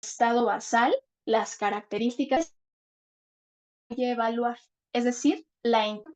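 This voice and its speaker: A woman's voice: a little high, unhurried. A woman giving an online class lecture over a video call, her audio choppy and cutting out as she explains and keeps checking whether she can be heard.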